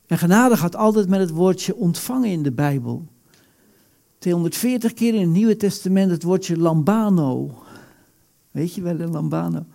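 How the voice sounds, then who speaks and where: A man preaching a sermon, animated, acting out quoted prayers with sudden loud outbursts. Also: sits high, gravelly.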